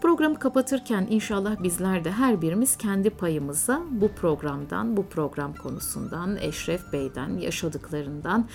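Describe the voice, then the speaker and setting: A woman hosting a radio program, narrating in a measured way with frequent hesitant fillers. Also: fairly low pitch, expressive, vocal fry, a little mellow, faint music behind.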